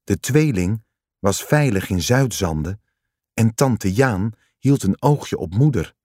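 A man reading a story aloud in calm, measured scripted narration. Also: on the low side, no echo, clean studio sound.

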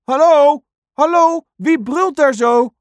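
A woman voicing a timid little bear cub who calls out in a high, pleading voice in a storybook reading. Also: slow pace, dry recording, studio quality. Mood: worried calling. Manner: high, pleading, repeats hello.

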